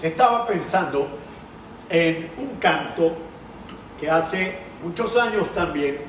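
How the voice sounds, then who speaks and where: Male pastor, high voice, slow earnest sermon, a little off-mic. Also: expressive, distant mic, slight background noise. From Panama. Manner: slow and earnest, breaks into song. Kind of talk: sermon with singing. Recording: roomy sound from off-mic.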